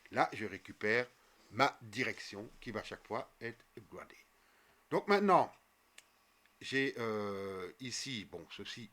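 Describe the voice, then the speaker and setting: A man walking viewers through a coding tutorial step by step as he types, with frequent fillers and quick self-corrections. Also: on the low side, pushed and bright, a little hiss or hum. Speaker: programming tutor. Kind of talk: screen-recorded coding tutorial.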